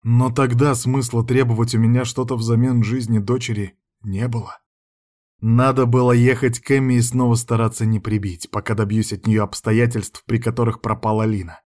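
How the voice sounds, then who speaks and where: A man narrating a first-person audiobook in an even, measured voice. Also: medium pitch.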